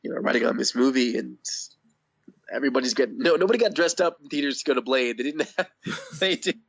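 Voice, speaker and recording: A man guest in a casual interview, hoarse with his voice going out, talking in a rambling, enthusiastic way. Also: medium pitch, lively intonation, quick pace. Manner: rambling, enthusiastic, laughs often. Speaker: podcast guest. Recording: dull lo-fi audio.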